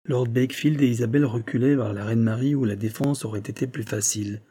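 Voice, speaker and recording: A man reading a wounded, exhausted Englishman who speaks in short, halting phrases in an audiobook. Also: medium pitch, dark tone, slightly rough, close to an everyday voice. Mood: urgent. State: weak and exhausted.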